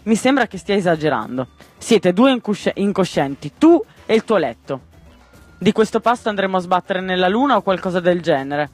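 Man doing a gruff grey bird, harsh, scolding, lecturing, storybook, fairly high voice. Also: sing-song, brisk, soft background music. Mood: worried. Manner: huffy, lecturing. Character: gruff grey male bird, grumpy and doubtful. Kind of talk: storybook reading.

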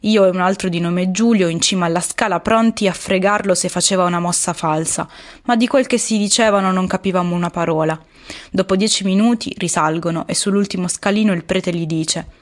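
A woman voicing a weary young male partisan fighter in an audiobook, telling his story in a low-key, confiding way. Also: natural voice.

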